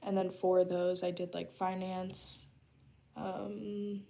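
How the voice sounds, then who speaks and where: Slow and flat, with a low, dark, fry-laden voice, a US vlogger in her early twenties talks to her live chat. She's at home working remotely, chatting loosely with frequent "um" and "like".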